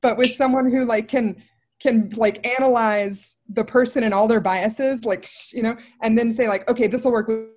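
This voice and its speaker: A woman's voice: fairly high pitch, normal speed. A woman in her thirties, a film director, answering casually on a video call with rambling asides. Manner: rambling, animated phrasing with many asides. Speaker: film writer and director, interview guest. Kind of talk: casual, thinking-aloud interview answers. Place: indoor room on a video call.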